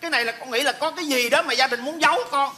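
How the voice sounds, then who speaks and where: A man's voice: very high-pitched, very fast, sharp tone, exaggerated voice. A man playing a nosy, prying grown son who insists on being told the family secret, in a live stage comedy skit. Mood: insistent.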